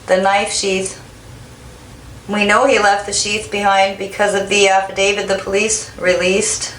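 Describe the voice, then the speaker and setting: A woman asking slow, deliberate questions as a medium in a spirit session, recorded in an echoey room. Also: medium pitch, level tone, fairly bright tone. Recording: echoey room, faint background noise.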